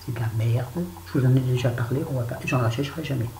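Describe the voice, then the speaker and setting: A middle-aged woman with a very deep voice talks fast with fairly even intonation, casually going through her used-up beauty products as a vlogger. She playfully puts on a southern French accent. The room is echoey, with a faint noise in the background.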